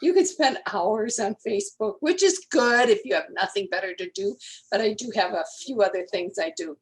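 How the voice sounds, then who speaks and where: A woman's voice: mid-range voice, lively intonation, normal speed. A woman, a guest telling rambling stories in casual conversation. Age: 80s. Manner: chatty, rambling storyteller.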